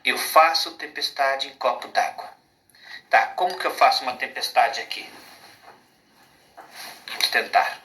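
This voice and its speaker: A man's voice: medium pitch, unhurried, pauses often, sharp tone. A man with a Brazilian Portuguese accent giving an informal spiritual monologue, emphatic and rambling, often asking rhetorical questions. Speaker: spiritual speaker. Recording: roomy echo.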